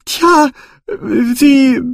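A man's voice: very high voice, steady tone, extremely slow, dry recording, studio quality, voice pushed up, full character voice. A man voicing a timid, frightened male goblin servant who hesitates and stammers. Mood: nervous.

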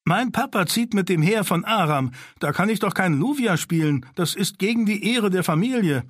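A man's voice: high voice, expressive, normal speed, husky, no echo, studio quality, pitched above the performer's own voice. A man voicing a defiant, proud little village boy in a storybook reading, speaking stubbornly and indignantly.

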